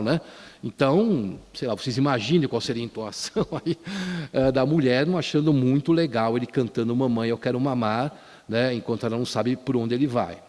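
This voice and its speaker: Lively man lecturing in a hall. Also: mid-range voice. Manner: frequent tag questions and restarts, quotes lyrics. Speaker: conference speaker. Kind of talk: academic lecture on popular song. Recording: reverberant hall.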